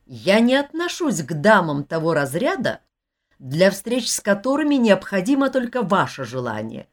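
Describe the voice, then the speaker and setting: A woman voicing a proud, composed widow hostess who speaks in a cold, curt and commanding way. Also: fairly low pitch.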